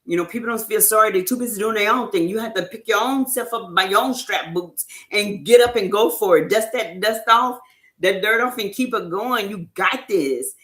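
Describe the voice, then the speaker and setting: A woman speaker talks through faith lessons in a loose, conversational style, often tossing in "you know" as she presses her points. Her voice sits at a middle pitch. The recording carries a noticeable roomy echo. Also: moderate pace, fairly bright tone. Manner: conversational, frequent "you know" asides, emphatic. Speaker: inspirational speaker. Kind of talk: informal faith talk.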